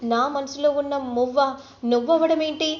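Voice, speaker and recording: A woman's voice: high-pitched, steady tone, moderate pace, a little mellow, natural voice. Woman voicing a bewildered young husband. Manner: confused, questioning. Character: worried young man questioning his wife. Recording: roomy, slightly dull recording.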